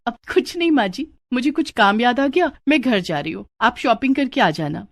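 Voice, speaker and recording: A high, inquisitive young daughter-in-law from a cartoon story, as a woman narrator puts her on. She sounds eager and probing, and the recording is close and dry. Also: animated, moderate pace, dry recording.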